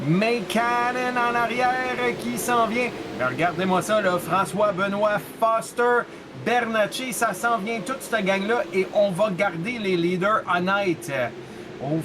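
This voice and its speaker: A man's voice: high-pitched, noisy background. A man with a Québécois French accent commenting on a race, mixing English racing words into his French. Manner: reads lineups slowly, mixes in English words. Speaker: color commentator.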